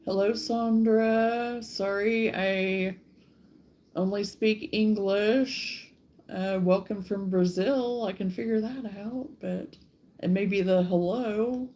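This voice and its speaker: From her rural home, a middle-aged crochet streamer chats with viewers and stretches out her hellos to commenters. She speaks in a steady, darkish, mid-range voice.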